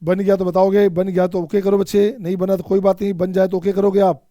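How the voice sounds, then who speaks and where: A man with an Indian accent teaches math in an online lecture, coaxing his students with repeated questions. His voice is warm and dark, sitting fairly high but flat in melody. The sound is dry and close. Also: brisk, dry recording, muffled recording. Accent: Indian English. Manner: coaxing, repetitive, addresses students as children. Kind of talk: online exam-prep lecture.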